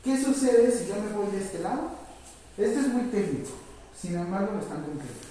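A nursing instructor teaches a hands-on first aid class, asking questions and pushing the students to be energetic. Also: mid-range voice, moderate pace. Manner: coaching, asks questions, urges energy. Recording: echoey hall, far from mic, faint room noise.

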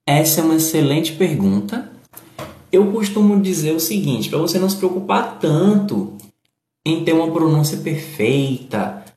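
A man's voice: on the high side, a little mellow. A man with a Brazilian accent teaching English phrases and pronunciation in a live online lesson, explaining patiently step by step. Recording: echoey room.

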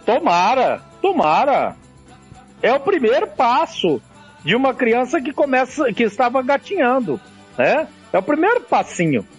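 A man's voice: very high voice, sing-song, unhurried, husky, highs cut off, faint music behind. A Brazilian man giving impassioned sports opinion on radio, with emphatic repetition and frequent tag questions.

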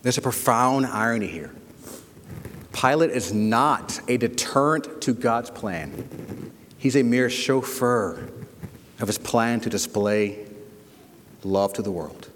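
A man's voice: mid-range voice, slow pace, long pauses, long reverb tail, slight background noise. A man preaching a sermon as pastor, asking rhetorical questions and leaning hard on key words. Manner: preaching with rhetorical questions and sudden loud emphasis.

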